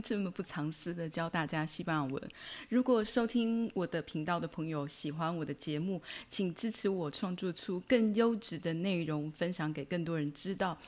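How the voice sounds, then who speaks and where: A woman hosts a podcast lesson in a slightly low voice. She is patient and goes over each sound slowly, repeating it so learners can copy her. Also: a little mellow. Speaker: Spanish teacher and podcast host.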